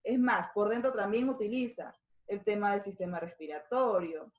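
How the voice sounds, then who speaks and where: A woman's voice: mid-range voice, normal speed, reverberant, lo-fi sound. A woman with a Peruvian accent teaching a school language lesson, explaining step by step and checking in with her students. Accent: Peruvian Spanish. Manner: explanatory, checks in with frequent tag questions.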